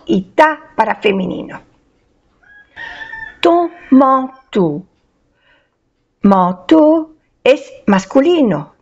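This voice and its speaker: Older lady teaching french super slowly, kinda high voice, dull lo-fi sound. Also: a little mellow, husky. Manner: patient, repeats each word pair slowly. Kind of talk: slow beginner language lesson.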